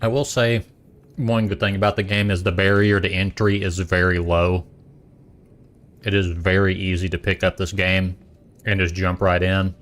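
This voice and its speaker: A man's voice: sits low, level tone, moderate pace, a bit bright. A young adult man casually chatting while streaming a game, rambling and eating as he talks. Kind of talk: casual gaming stream chat.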